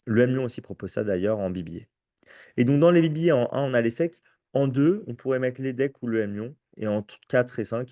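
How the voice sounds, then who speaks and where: French man giving a mellow, casual lecture. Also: medium pitch, dry recording, clean studio sound. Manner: conversational, addresses audience with frequent "ok?" and restarts. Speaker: prep school teacher presenting exams. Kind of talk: live conference presentation.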